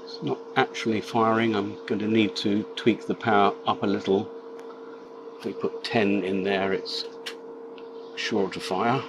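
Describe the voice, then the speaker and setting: A man with a low voice presents a practical tutorial step by step. His delivery is measured and matter-of-fact. Clear noise from a running machine sits behind his voice. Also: fairly even intonation. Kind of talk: step-by-step demonstration narration. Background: laser cutter machine noise.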